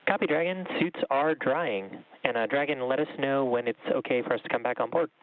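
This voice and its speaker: A man's voice: medium pitch, fairly quick, no room sound. A man from mission control giving procedural replies to astronauts over radio. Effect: radio transmission. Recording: dry, narrow tinny radio link.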